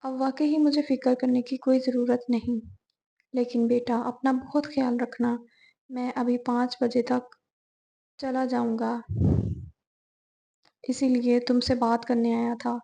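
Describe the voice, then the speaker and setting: A woman's voice: fairly high pitch, level tone, a little slow, gravelly, pauses often, dark tone. A woman voicing a middle-aged father who speaks tenderly and worriedly to his daughter.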